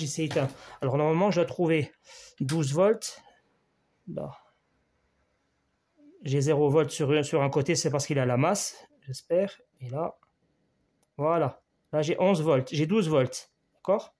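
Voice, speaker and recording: A man's voice: on the high side, measured pace, long pauses, a little mellow, slightly rough. A French-speaking man giving a hands-on electronics repair lesson, explaining each measurement step by step and talking straight to the viewer, often repeating his key points.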